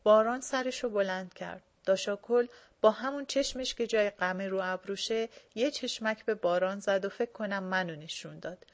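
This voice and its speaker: A woman reading a first-person short story aloud in a casual spoken manner. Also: medium pitch. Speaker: reader.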